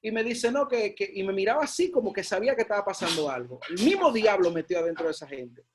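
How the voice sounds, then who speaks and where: A man preaching a sermon, telling a personal testimony with excited repeats and emphatic peaks. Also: high voice, fast talker, a little hiss or hum.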